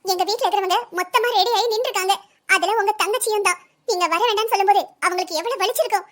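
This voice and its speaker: A woman doing a shrill, sarcastic young wife. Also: very fast. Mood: bitter sarcastic. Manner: sarcastic, biting. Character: young pregnant wife, bitter and sharp-tongued. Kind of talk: Tamil cartoon drama voicing.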